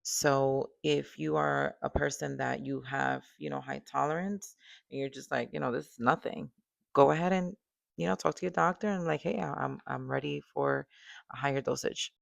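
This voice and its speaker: Hosting a podcast, a woman of Dominican background speaks candidly to camera about her own experience, full of fillers and asides. Her voice is very deep and creaky, with fairly even intonation and a moderate pace. The sound is clean studio audio with no room sound.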